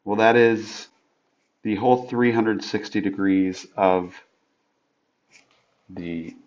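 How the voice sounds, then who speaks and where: Guy teaching geometry on a tablet whiteboard, lowish voice, lots of ums and restarts, kinda muffled lo-fi audio. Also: fairly even intonation. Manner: halting, thinks aloud with many restarts and fillers. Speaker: math teacher. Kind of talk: whiteboard screencast lesson. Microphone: tablet microphone.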